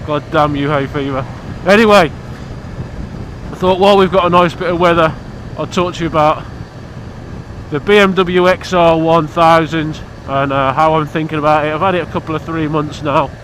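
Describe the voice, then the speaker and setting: Outdoors with his motorbike, a hay-fever-stuffy British vlogger chats to camera casually, rambling with blunt cheek. The fairly high, slightly bright voice is steady and moderately paced, but the audio is poor with slight background noise.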